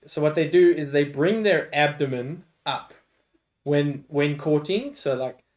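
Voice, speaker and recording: A man co-hosting a podcast in casual chat, calmly explaining facts from his prepared notes. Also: on the high side, measured pace, slight background noise. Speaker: podcast co-host.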